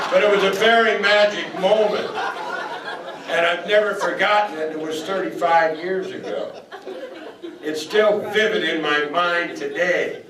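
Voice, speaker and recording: An older man giving a folksy, anecdotal speech to an audience in a hall. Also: fairly high pitch. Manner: folksy, anecdotal, quotes others in voices. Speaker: speaker. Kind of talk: storytelling speech. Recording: echoey hall, mic at a distance.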